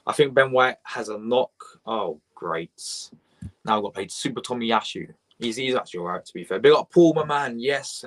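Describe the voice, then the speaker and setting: A young man talks in a low voice, hosting a live match reaction stream. He rambles excitably and chats back and forth with his viewers. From England. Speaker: fan channel host.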